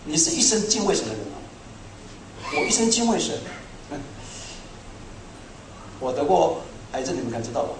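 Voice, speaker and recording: A middle-aged man preaching a sermon to a congregation, telling stories in an animated, self-mocking way. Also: on the high side, moderate pace, pauses often, background noise. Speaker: pastor. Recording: echoey hall, speaker far from mic.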